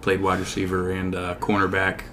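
Deep voiced guy chatting sports, pretty monotone, kinda hesitant, bit of noise behind him. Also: moderate pace. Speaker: podcast co-host. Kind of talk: casual sports podcast chat.

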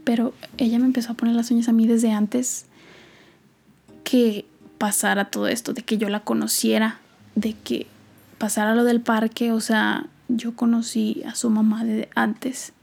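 Young Mexican woman host, slangy and confiding, husky mellow voice, slightly high. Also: little pitch movement, a little slow. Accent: Mexican Spanish. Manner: soft, often half-whispered, slangy confiding delivery. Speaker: podcast host. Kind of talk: storytime monologue.

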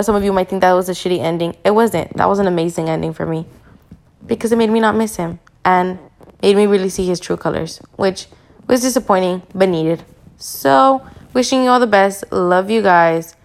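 A woman's voice: medium pitch, moderate pace, gravelly. A young woman hosting a casual solo podcast, candid and profane, with a slight Spanish-speaking accent. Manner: candid and profane, warm sign-off. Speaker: podcast host.

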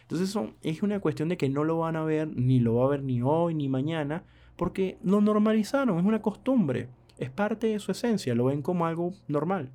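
A man's voice: fairly high pitch, expressive, normal speed, mellow. A young man chatting casually to his viewers, telling a personal story in a rambling way with many hesitations and asides. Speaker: vlogger.

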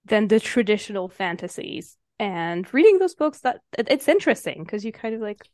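A woman's voice: medium pitch, sing-song, moderate pace, a little mellow, no room sound. Woman co-host musing in dry sound. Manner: reflective, goes off on analytical tangents. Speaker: podcast co-host. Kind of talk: casual chat.

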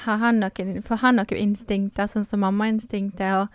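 A woman's voice: mid-range voice, flat delivery, clear, resonant tone, dry recording. A young woman, a student, chatting hesitantly as a podcast guest. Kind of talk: casual podcast chat.

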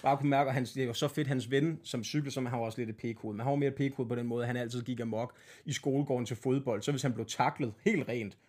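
Male co-host from Denmark, blunt, salty storyteller, mid-pitched voice. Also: steady tone, few pauses, darkish tone. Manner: blunt, swear-heavy storytelling. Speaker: podcast co-host. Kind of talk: casual podcast chat.

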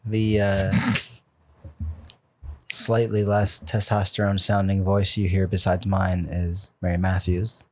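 A man's voice: deep voice, flat delivery, slow pace, darkish tone. A young man hosting a podcast in a loose, rambling chat full of fillers. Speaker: podcast host. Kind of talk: casual chat.

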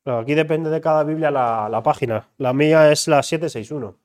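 A man's voice: fairly high pitch, brisk, a little mellow. A man from Spain leading a casual Bible study, talking with many fillers and restarts.

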